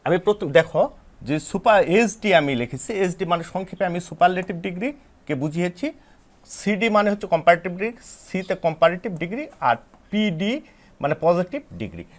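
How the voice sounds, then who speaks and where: A man's voice: high voice, fairly quick. A male English teacher from Bangladesh giving an online lesson to students, explaining step by step and spelling words out letter by letter. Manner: addresses students directly, repeats himself.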